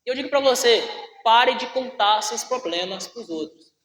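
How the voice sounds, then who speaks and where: High-voiced pastor preaching in a hall. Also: male voice, animated, moderate pace, a bit bright. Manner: preaching to the congregation, often calling out "brothers" and asking questions. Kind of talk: sermon. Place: church hall. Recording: echoey church hall with long reverb.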